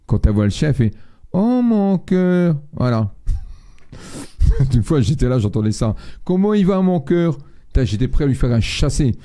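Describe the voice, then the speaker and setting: A man's voice: medium pitch, mellow. A man hosting a live astrology stream, chatting casually with viewers and reading their messages in a blunt, slangy, joking way.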